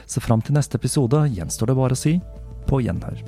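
A man's voice: medium pitch, animated, dark tone, faint music behind. A man hosting a podcast, narrating and reading aloud with a wry, dry humor. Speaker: podcast host.

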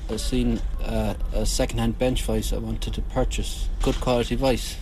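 A young man with a west of Ireland accent, answering casually and haltingly in an interview. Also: medium pitch, flat delivery, poor audio. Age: young adult. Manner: hesitant, halting. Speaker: train passenger, student. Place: on board a moving train. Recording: faint moving train noise.

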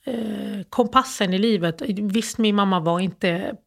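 A grieving woman as an interview guest, telling a personal story in a halting, emotional way with many restarts. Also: medium pitch, vocal fry.

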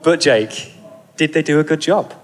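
A man's voice: on the high side, normal speed, in a large hall. Chatty man explaining film history. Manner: chatty, explanatory storytelling with dry humor. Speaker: podcast host. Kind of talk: casual film discussion.

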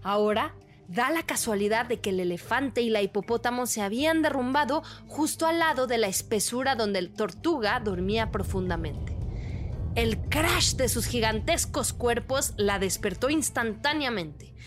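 A woman narrating a children's fable in a lively, expressive storytelling manner. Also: a little high, normal speed, faint music behind.

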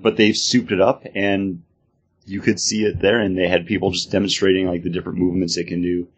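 A man with an American accent speaks in a low, husky voice. He explains things casually and with a fan's enthusiasm, as a co-host in an informal chat. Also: little pitch movement, fairly quick. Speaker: podcast co-host.

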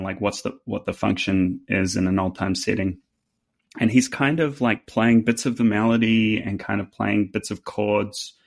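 Gravelly New Zealand man, halting talk. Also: lowish voice. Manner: halting, many fillers and restarts. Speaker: fiddle player guest. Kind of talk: casual interview chat.

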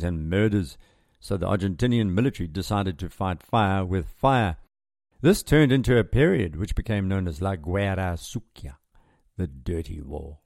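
Male, low-pitched, scripted storytelling narration, wry and sardonic, dry studio-like sound. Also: darkish tone, dry recording. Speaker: history podcast host and narrator.

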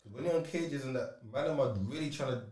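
A young man with a south London roadman accent talks in rapid, slangy bursts. He tells stories casually, dropping "bro" and "like" throughout, in a roomy, echoey space. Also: mid-range voice, a little mellow. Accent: London roadman, south London street slang. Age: young adult. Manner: slangy, peppers talk with "bro" and "like". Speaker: footballer guest. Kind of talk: casual chat, telling stories.

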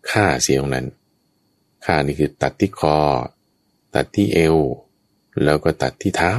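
Male preacher, very low voice, chatty storytelling sermon, dry close mic. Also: darkish tone, no room sound. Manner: addresses listeners directly, chatty asides. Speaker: Buddhist preacher telling a scripture tale. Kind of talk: storytelling Dhamma talk.

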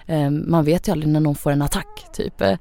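Low gravelly young woman telling her story. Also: steady tone, warm tone, dry recording. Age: young adult. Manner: chatty, full of fillers like "so like". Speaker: podcast guest. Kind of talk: personal story in casual podcast talk. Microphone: studio microphone.

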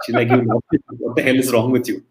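The speaker is a middle-aged man from India, an emcee and entertainer appearing as an interview guest. His medium-pitched voice is a little mellow with little pitch movement, and he talks fast, telling stories casually with many restarts.

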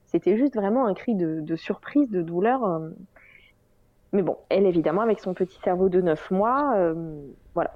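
A woman's voice: fairly low pitch, animated, moderate pace, no echo. Hesitant woman, dry dull recording. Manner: hesitant, many fillers, wry self-mocking humor. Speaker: guest. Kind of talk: candid interview.

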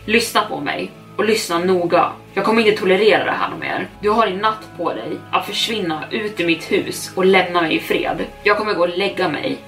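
A worn-out, anxious young woman on the edge of mania, as a woman narrator voices her. Her voice is fairly low and comes from a little way off the mic. Faint music runs beneath it. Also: expressive, hardly any pauses, fairly bright tone, distant mic, low-quality recording. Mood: tense. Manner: tense, anxious and manic. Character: frightened, worn-out young woman, turning desperate.

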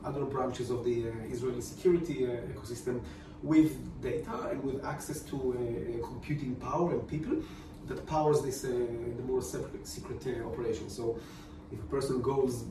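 A man in his forties, born in Romania, answering interview questions in a halting way with many filler pauses. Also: mid-range voice, fairly even intonation. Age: 40s. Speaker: guest expert. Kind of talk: podcast interview. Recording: echoey room, distant mic, noisy.

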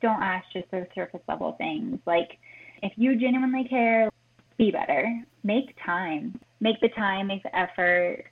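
A woman's voice: mid-range voice, a little slow. A woman guest talks earnestly, giving direct and heartfelt advice. Her voice comes through a thin, tinny phone line. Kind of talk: casual chat.

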